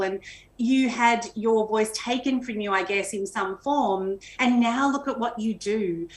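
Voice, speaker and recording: A middle-aged woman, telling her life story earnestly as a guest on a video call from home. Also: mid-range voice. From Australia. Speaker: guest, magazine editor. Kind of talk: interview storytelling. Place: home room with flowers and shelves. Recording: echoey room.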